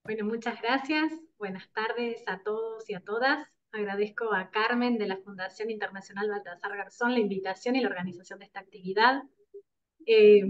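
A woman in her thirties with an Argentine accent from Córdoba, giving a formal seminar presentation from home over a video call, measured, with frequent "eh" pauses. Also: mid-range voice. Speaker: seminar speaker. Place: home room with plants, indoors. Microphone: laptop webcam on a video call. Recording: muffled video call audio.

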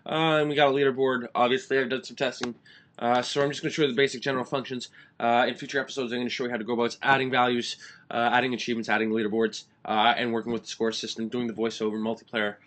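A young man hosting a screen-recorded coding tutorial, talking quickly with constant "uh" fillers. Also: medium pitch, flat delivery, a bit bright. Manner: fast, filler-heavy explaining with many "uh"s. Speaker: app developer tutorial host.

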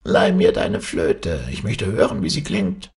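Coaxing iguana in a story, lifted pitch, raspy, read by a man. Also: wildly swooping pitch, measured pace, a little mellow, full character voice. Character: friendly iguana up in a tree, pleading.

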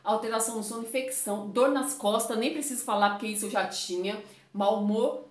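A woman's voice: on the high side, brisk, roomy sound. A woman from Brazil talking casually to camera as a vlogger, chatty and addressing her viewers often, with a runny nose.

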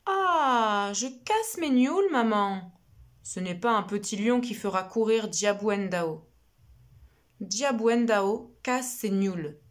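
A woman's voice: medium pitch, expressive, takes it slowly. A woman voicing a small, stubborn village girl who talks back without fear. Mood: defiant. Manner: defiant, carefree.

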